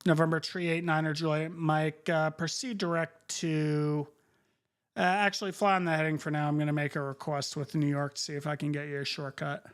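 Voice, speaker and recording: Even-toned man working air traffic control radio. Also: on the high side, fairly quick, clean tone.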